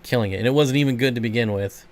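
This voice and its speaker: A Michigan channel host runs a casual livestream, answering viewer comments in a relaxed, rambling manner and chuckling often. His voice is medium-pitched and he talks rapidly.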